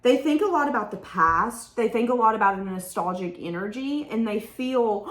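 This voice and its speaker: A woman's voice: on the high side, expressive, normal speed, a bit bright, reverberant. A woman giving a tarot reading to her viewers, talking in an emotional, rambling, repetitive way. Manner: emotional, stream-of-consciousness, repeats herself. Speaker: tarot reader.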